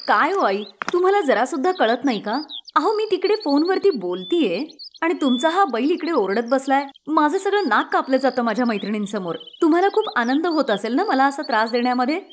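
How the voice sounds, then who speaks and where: A woman's voice: a little high, moderate pace, slight background noise, close to an everyday voice. A woman voicing a spoiled, rude young city daughter-in-law who scolds and complains sharply. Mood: angry.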